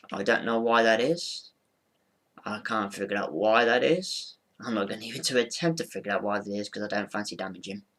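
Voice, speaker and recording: This man, a ventriloquist presenting his figure, has a voice on the low side with a fairly bright tone. He walks through things casually and practically, wandering in a plain, matter-of-fact manner and often saying the same thing again.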